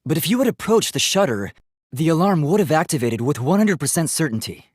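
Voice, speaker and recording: In English video game voice acting, a polite young male robot speaks fairly quickly in a fairly high, slightly rough voice with very animated intonation. His delivery is formal, articulate, earnestly logical and analytical, and the recording is completely dry with no room sound.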